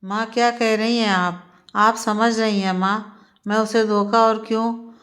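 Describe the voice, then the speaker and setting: A woman's voice: on the high side, steady tone, measured pace, fairly bright tone. A woman voicing a desperate young man in a spoken Hindi storybook, pleading with repeated questions. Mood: disbelieving.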